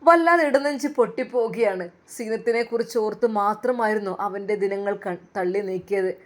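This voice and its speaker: A woman's voice: medium pitch, brisk. A woman narrating a dramatic story with emotive, rising emphasis.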